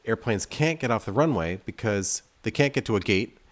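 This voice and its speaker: His fairly low voice is expressive and keeps a moderate pace. The developer of the game he's playing, he hosts the video with casual, meandering commentary and a self-deprecating streak as he thinks aloud.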